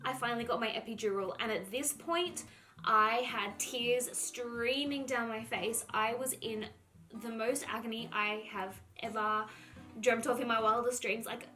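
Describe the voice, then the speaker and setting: A young woman telling a personal story to camera in a chatty, animated way, full of "like". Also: fairly high pitch, unhurried, faint music behind. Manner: chatty, animated, says "like" a lot. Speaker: vlogger.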